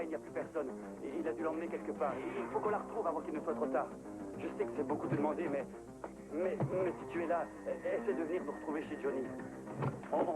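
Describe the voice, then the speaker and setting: Highish quick stammering actor doing a worried guy begging for help, soap dub, music behind. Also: natural voice, poor audio. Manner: hesitant, stammering, urgent. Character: worried, urgent male friend pleading for help. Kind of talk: dubbed TV soap acting.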